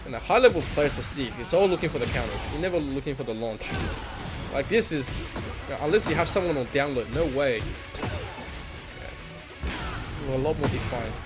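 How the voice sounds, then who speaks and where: A man talks through a fighting-game trailer in a loose, excitable reaction style, laughing often and echoing lines he hears. His voice sits at an ordinary pitch, with faint music playing underneath. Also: a little fast. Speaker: gaming video host. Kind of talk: casual reaction commentary.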